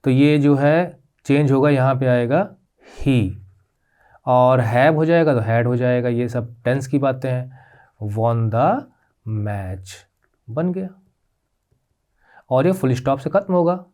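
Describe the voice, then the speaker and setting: A man teaching a grammar lesson as a voice-over on slides, patiently repeating checks and spelling out terms slowly. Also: darkish tone. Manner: patient, repeats "ठीक है?" checks with rising pitch; spells out terms slowly, mixing English words into Hindi.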